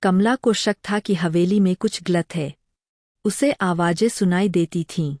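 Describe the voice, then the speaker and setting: A woman narrating a scripted horror story in a measured, ominous tone. Her voice sits a little low and mellow, and she paces it very slowly. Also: no room sound, clean studio sound.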